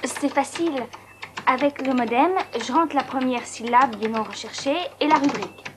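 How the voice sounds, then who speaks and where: A woman's voice: high voice, normal speed, close to an everyday voice. An actress dubbing a young hospital patient girl in French, shy at first, then eager to share her secrets. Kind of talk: French dub of a TV film. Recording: VHS film soundtrack with crowd noise.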